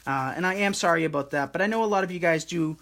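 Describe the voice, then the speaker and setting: A man with a slightly high voice hosts a live craft tutorial, walking viewers through each step in a soothing, relaxed, unhurried manner.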